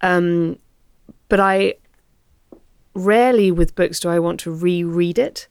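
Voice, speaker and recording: Very low, gravelly-voiced woman author. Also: slow pace, darkish tone, dry recording. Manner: reflective, searching for words. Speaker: author guest. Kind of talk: literary discussion.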